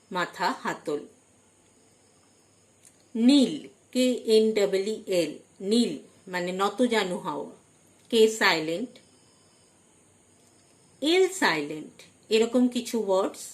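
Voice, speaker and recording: A woman teaching vocabulary, spelling each word out letter by letter and stressing each headword. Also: medium pitch. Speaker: English teacher. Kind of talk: slow vocabulary lesson, spelling words letter by letter.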